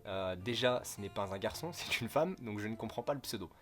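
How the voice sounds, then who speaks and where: A man's voice: lowish voice, expressive, a little fast, faint music behind. Joking young man rambling about manga. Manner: rambling, joking, self-correcting, crude slang. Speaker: manga youtuber. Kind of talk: casual wishlist review.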